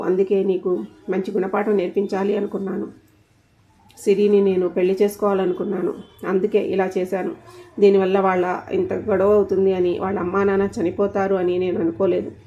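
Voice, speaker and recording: A woman's voice: mid-range voice, lo-fi sound, lightly acted. A woman voicing a jealous young man who falters and pleads in an audio story.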